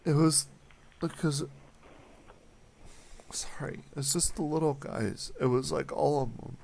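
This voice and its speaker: Rambling flustered prank caller, gravelly. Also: male voice, on the high side, steady tone, slow, darkish tone, slight background noise. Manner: rambling, flustered, apologetic, mumbling. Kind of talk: prank phone call.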